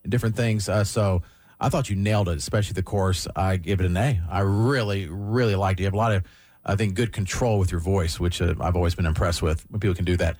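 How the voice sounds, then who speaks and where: A man's voice: low-pitched, fast talker, a little mellow, no room sound. A man hosting a radio show, chatting casually and giving friendly feedback with fillers. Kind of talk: casual studio chat.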